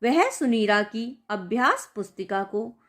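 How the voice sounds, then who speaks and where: A woman's voice: a little high, expressive, slow, a bit bright. A woman teacher who reads a text aloud word by word and then translates each word in a patient lesson. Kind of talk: line-by-line lesson explanation.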